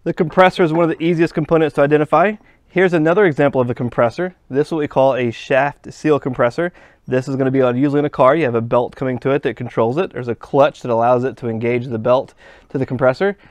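Working with parts at a workshop bench, a man gives a hands-on HVAC technical demonstration in plain, step-by-step terms. He talks fast in a medium-pitched, slightly mellow voice with fairly even intonation, on a dry recording.

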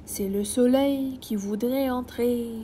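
A woman voicing the sun as a clear, cheerful little voice in a storybook reading. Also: a little high, slow, a little hiss or hum. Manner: clear and bright.

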